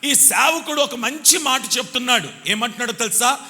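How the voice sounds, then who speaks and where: A man preaching a live sermon in a church, calling on the congregation to answer louder and repeating verse references. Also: very high voice, brisk. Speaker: pastor. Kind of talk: live Sunday sermon with call-and-response. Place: church hall. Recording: long church hall reverb.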